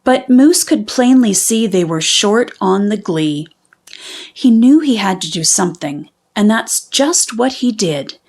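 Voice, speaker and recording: A woman reading a children's storybook aloud in an expressive, deliberate way with dramatic pauses. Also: medium pitch. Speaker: children's book reader. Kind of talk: animated storybook read-aloud.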